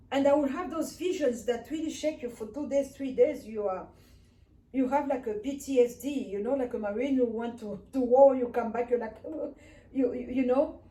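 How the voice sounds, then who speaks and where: A mellow, high-ish voice carries this earnest woman minister's personal testimony sermon through a roomy, echoey space, captured by a distant mic with faint hiss. She is African and a native Swahili speaker. Her delivery is emphatic, with repeated phrases.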